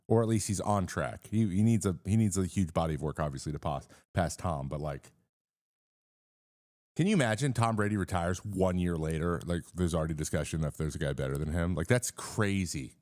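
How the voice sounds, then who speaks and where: Low-voiced man rambling on a live stream. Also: animated, normal speed, a little mellow, no room sound, clean studio sound. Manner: rambling, lots of fillers and restarts, greets chat viewers. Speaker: host of a sports live stream. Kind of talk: casual live-stream chat.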